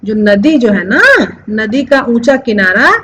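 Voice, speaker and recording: A woman teaching a Hindi lesson, explaining slowly and repeating each word many times while asking the viewers questions. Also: a little high, a bit bright, slight background noise, rough recording. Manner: addresses viewers as friends, asks questions. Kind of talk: classroom-style lesson.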